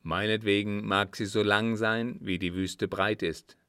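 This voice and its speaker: A man voicing a cold, guarded older desert sheik in an audiobook reading, with a measured, cool delivery. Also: on the low side, fairly even intonation, fairly bright tone, clean tone, no echo, studio quality.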